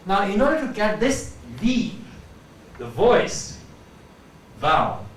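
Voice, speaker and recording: A man teaching pronunciation, explaining each sound and slowly repeating example words to demonstrate it. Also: high-pitched, very animated. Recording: echoey room, voice from a distance, faint background hum.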